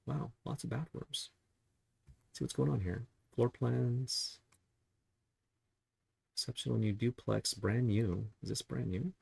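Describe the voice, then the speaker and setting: Husky and a little mellow, with vocal fry at a medium pitch, a man talks casually through property listings as a real estate agent. His chatty market review is peppered with rhetorical questions, and the audio carries no echo.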